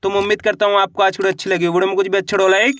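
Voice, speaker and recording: A man's voice: sits high, level tone, racing, a bit bright. A man teaching a patient spelling lesson, repeating each word, asking a question and then answering it himself. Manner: repetitive call-and-response, asks and answers own questions. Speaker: Hindi teacher.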